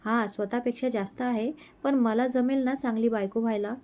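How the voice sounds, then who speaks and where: Narrator lady as a jittery young bride, soft and heartfelt, warm higher voice. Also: fairly even intonation, brisk, lightly acted. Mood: anxious. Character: young bride, emotional and anxious.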